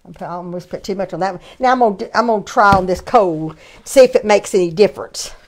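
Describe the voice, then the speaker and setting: A woman hosting a casual cooking demonstration in her home kitchen, chatty and halting with many restarts. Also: mid-range voice, a little hiss or hum. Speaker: cooking show host.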